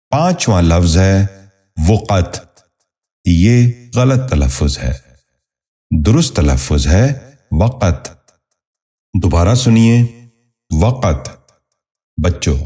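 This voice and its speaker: Deep-voiced man teaching pronunciation. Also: dark tone. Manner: measured and formal, repeating each word with care. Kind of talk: scripted pronunciation lesson.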